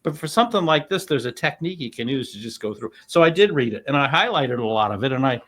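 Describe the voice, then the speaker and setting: A man's voice: medium pitch, lively intonation, quick pace, fairly bright tone. Man, lawyer host, video call panel chat, rambling, emphatic, self-deprecating. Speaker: lawyer hosting a true-crime channel. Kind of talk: casual panel discussion.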